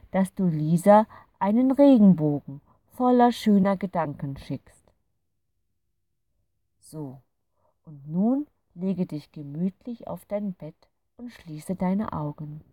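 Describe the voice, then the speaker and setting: Storybook fairy creature, gentle and patient, read by a woman, unhurried, slightly distant mic. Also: mid-range voice, no echo, pitched above the performer's own voice. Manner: patient, soothing explaining. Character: kind gentle fairy creature from a light dimension.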